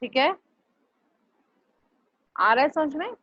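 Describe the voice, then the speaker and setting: A woman teacher with a high voice patiently drills her pupils, saying each word again and breaking it into its sounds. The sound is dull and lo-fi. She asks the class often whether they follow. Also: expressive, slow, fairly bright tone, a little hiss or hum. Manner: patient, repeats words syllable by syllable for students. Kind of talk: online class lesson.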